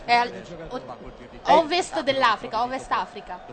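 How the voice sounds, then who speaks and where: A woman's voice: a little high, animated, moderate pace, a crowd in the background. A woman chatting casually about a football match, insistent and opinionated. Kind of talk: casual match-watching chat.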